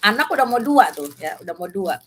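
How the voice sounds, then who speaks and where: A middle-aged woman with an Indonesian accent, preaching a testimony sermon in an animated storytelling way and mixing in English phrases. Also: mid-range voice, brisk, very noisy.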